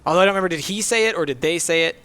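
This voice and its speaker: A man's voice: fairly high pitch, rapid-fire, noisy background. A young man casually thinking aloud while streaming a mystery game. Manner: thinks aloud, muttering and musing. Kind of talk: casual let's-play commentary.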